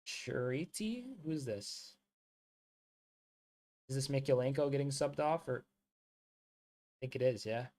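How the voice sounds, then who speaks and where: This American watchalong host sounds animated yet takes things slowly, pausing often in a mid-range, darkish voice. He commentates on the football match and chats loosely, with frequent "like" fillers and plenty of mate and bro.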